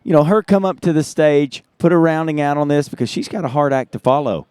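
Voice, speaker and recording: A man's voice: on the high side, fairly even intonation, brisk, darkish tone, clear, resonant tone, no echo, clean studio sound. A man co-hosting a live contest stream, giving casual, conversational event commentary.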